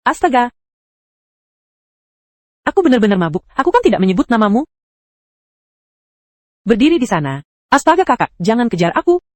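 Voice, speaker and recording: A woman's voice: fairly high pitch, very animated, normal speed, pauses often, darkish tone, no room sound. A synthetic text-to-speech female voice narrating an anime recap, reading every character's lines in the same voice.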